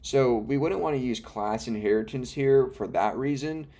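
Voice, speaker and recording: A man with a mid-range, warm voice talks at normal speed while hosting a live coding stream. He has the hiccups, mutters code steps to himself, and explains in a rambling way, correcting himself as he goes. Faint music and keyboard typing play in the background.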